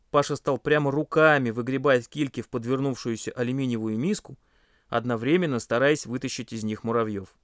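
A man reading a children's story aloud with expressive narration. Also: mid-range voice, no room sound, studio quality.

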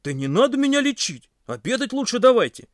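A man's voice: normal speed, no room sound, clean studio sound. Man doing grumbling greedy boy Pasha. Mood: irritated. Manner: high excited exclaiming.

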